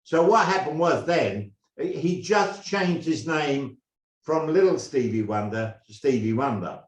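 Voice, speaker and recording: An older man from England, a former drummer, telling stories in a halting, rambling way with many restarts. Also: on the high side, expressive. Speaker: guest, former band drummer. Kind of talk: casual interview storytelling. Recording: roomy echo.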